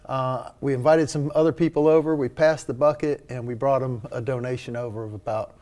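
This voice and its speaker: A man's voice: medium pitch, fairly even intonation, a little fast, darkish tone. A man speaking as a charity leader and interview guest, informal and earnest. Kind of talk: casual spoken interview.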